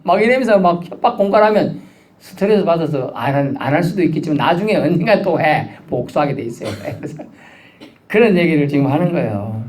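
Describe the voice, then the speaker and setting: A man's voice: fairly high pitch, a little mellow. A man preaching a midweek sermon, in a casual, conversational way, acting out the voices he quotes. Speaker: pastor.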